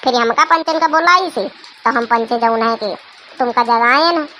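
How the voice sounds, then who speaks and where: A bright, high young village woman in a comedy cartoon, voiced by a woman, chatty and teasing. Her tone is bright and sharp, with faint noise in the background. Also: normal speed.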